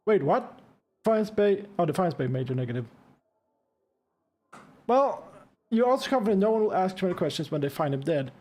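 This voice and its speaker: A man gives casual, wry commentary while playing and reading aloud from a game. His voice is mellow and a touch high for a man, and he sounds conversational throughout. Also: very animated, fairly quick, pauses often, husky. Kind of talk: casual gameplay commentary with read-aloud narration.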